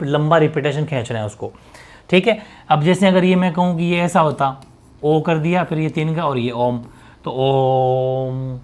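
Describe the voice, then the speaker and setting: Guy teaching an exam prep class, stretches the sounds out slow and says each term again and again. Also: fairly high pitch. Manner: stretches sounds slowly to demonstrate, repeats terms.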